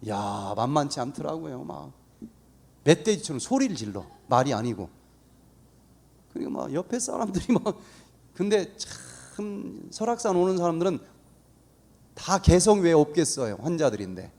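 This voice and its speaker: A man giving a lively, story-filled talk at a church, acting out the voices of the people in his story. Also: a little high, normal speed, creaky, pauses often. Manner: animated storytelling, acts out quoted voices. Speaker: guest speaker. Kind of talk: church lecture.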